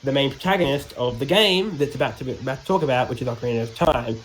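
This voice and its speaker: A man's voice: mid-range voice, quick pace, slight background noise, poor audio. An Australian man co-hosting a podcast, casually recapping game lore in a rambling, joking way with many fillers and restarts. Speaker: podcast co-host.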